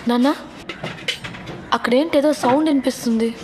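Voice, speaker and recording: A woman's voice: high-pitched, normal speed, noisy background, lightly acted. An actress playing an earnest young woman cricketer who talks to her father with affection and tears. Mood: affectionate. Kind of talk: dubbed film dialogue. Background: music.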